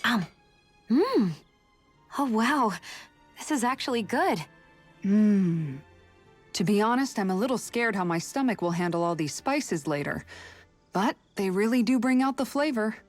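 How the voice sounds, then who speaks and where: A woman's voice: mid-range voice, expressive, a little slow, long pauses, soft background music. An actress playing a candid, chatty young woman in a game. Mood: impressed. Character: candid young woman tasting spicy food. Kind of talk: game character dialogue.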